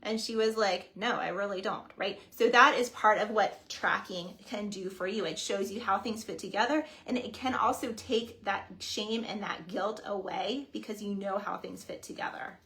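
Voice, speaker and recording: Friendly woman fitness coach on a casual coaching webinar. She lays out each tip step by step and tags her points with a quick check-in. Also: medium pitch, fairly even intonation, pushed and bright, rough recording.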